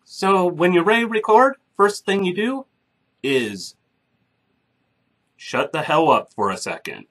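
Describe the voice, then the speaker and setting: A man's voice: high-pitched, big pitch swings, measured pace, long pauses, a bit bright, breathy edge. A man hosting a casual podcasting tutorial, chatty and blunt as he explains each step, speaking into a mic through a soundboard. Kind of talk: casual screen-recorded tutorial. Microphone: microphone through a soundboard.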